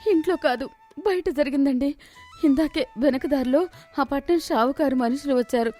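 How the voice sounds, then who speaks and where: A woman doing a sharp-tongued village housewife. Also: high voice, moderate pace, faint music behind, voice pushed up, natural voice. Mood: wailing. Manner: scolding, then loud theatrical wailing. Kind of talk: animated story voice acting.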